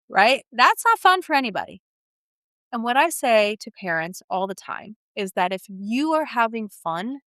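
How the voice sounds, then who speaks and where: A woman's voice: medium pitch, dry recording. A woman feeding therapist giving encouraging, practical advice to parents in a solo talk. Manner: warm, encouraging, animated teaching.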